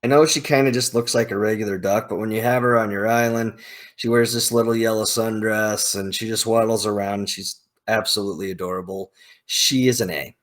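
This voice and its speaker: Here a man's fairly bright, lowish voice moves at a fairly quick clip with fairly even intonation. He's a video host ranking game characters, thinking out loud through casual, opinionated remarks laced with emphatic, hyperbolic slang.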